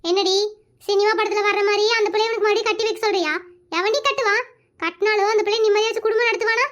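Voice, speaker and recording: A performer voicing a blunt, gossipy older village woman in an animated comedy, talking brusquely and scolding. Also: extremely high pitch, quick pace.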